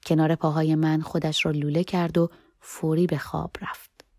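A woman narrating a first-person novel in a soft, expressive storytelling manner. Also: deep voice, no echo, studio quality. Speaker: audiobook narrator.

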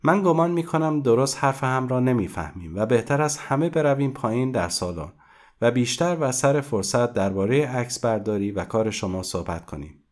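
A man reading a story aloud and voicing a calm, gentle, polite woman detective in his own near-natural voice. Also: medium pitch, close to an everyday voice.

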